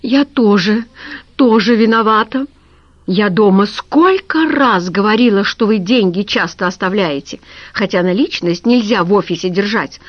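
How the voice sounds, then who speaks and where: Elderly aunt, voiced by a woman, shrill, tearful, pleading, audiobook reading, dry lo-fi sound. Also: no echo, lightly acted. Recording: dull lo-fi recording.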